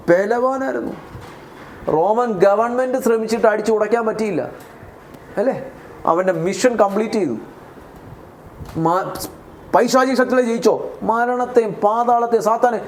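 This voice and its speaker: A man's voice: sits high, a little hiss or hum. A man with a Malayali accent preaching a sermon as pastor, often putting questions to the congregation. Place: church.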